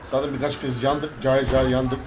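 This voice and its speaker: Excitable man over gunfire. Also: mid-range voice, moderate pace, background noise. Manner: excitable, swearing, bossing teammates around. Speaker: gamer. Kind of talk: casual gameplay commentary. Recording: loud gunfire and explosions from the game. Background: game gunfire and bombardment.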